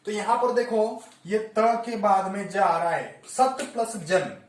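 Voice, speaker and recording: A man's voice: high-pitched, a little slow. A man teaching a Hindi grammar lesson for exam preparation, explaining each rule step by step and repeating it. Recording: echoey room, mic at a distance.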